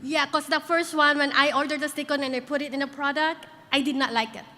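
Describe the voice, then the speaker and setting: A woman's voice: high voice, fairly even intonation, fast, pushed and bright. A woman in the audience asks the panel a tentative question, seeking reassurance. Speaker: audience member asking a question. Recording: distant mic in a reverberant hall.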